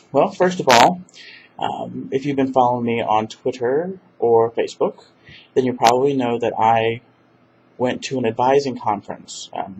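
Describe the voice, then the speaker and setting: A man's voice: medium pitch, a little mellow. A man, talking casually in a video diary and rambling with many fillers and restarts. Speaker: vlogger. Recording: dull lo-fi webcam audio with faint hiss.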